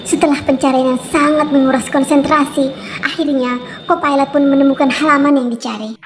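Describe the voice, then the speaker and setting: Female documentary narrator, high voice, scripted read with a clear music bed. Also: steady tone, a little fast.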